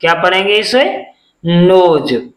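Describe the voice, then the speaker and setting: A man's voice: high voice, lively intonation, slow pace, a bit bright, echoey room, rough recording. A man teaching a beginners' phonics lesson, spelling words letter by letter and answering his own questions.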